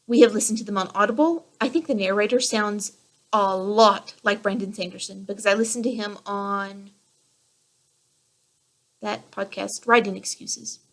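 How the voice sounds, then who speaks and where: A woman's voice: medium pitch, normal speed. A woman in her thirties hosting a solo podcast, chatting in a rambling, enthusiastic way. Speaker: podcast host. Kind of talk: casual solo podcast chat.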